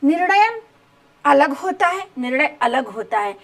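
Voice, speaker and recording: A woman's voice: high-pitched, very animated, unhurried. A woman teaching home science for exam preparation, often asking rhetorical questions and checking that students follow. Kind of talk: exam-prep lecture.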